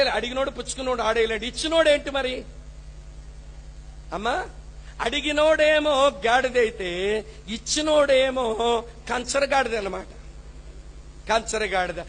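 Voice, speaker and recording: A man with a very high-pitched voice preaches a fiery sermon. He scolds the congregation as their pastor, swinging from shouts to hushed, low lines. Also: slight background noise.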